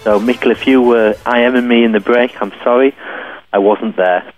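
A man's voice: medium pitch, steady tone, moderate pace, soft background music. A man hosting a radio show in casual chat, his voice sounding echoey from a glass conservatory. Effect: echoey sound from a glass conservatory room. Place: conservatory at home.

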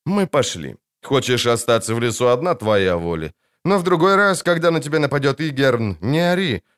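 A man reading an audiobook voices a gruff, impatient and sarcastic male monster hunter, close to his own voice. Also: mid-range voice, big pitch swings, moderate pace, a bit bright.

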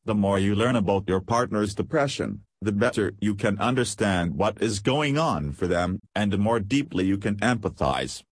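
A man reading scripted advice as a steady, numbered list. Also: on the low side, normal speed, hardly any pauses, breathy edge, no echo. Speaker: narrator. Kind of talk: scripted narration.

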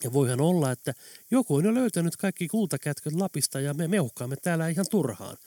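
A man's voice: fairly high pitch, big pitch swings, dark tone, no room sound, pitched above the performer's own voice. A man voicing a scheming male antiques dealer who talks in a wry, conspiratorial way.

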